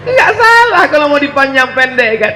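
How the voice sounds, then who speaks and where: A man preaching a humorous sermon to students, joking playfully and chanting verses in long drawn-out recitation. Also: very high-pitched, sing-song, bright, forceful tone, a faint crowd, slight background noise. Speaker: Islamic preacher. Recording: echoey hall with long reverb.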